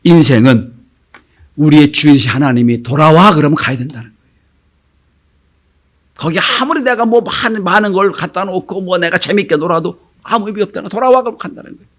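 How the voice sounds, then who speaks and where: A middle-aged pastor with a high-pitched voice talks fast as he preaches a sermon. He animates his stories by acting out the voices of the people in them, and sometimes drops to a whisper for emphasis.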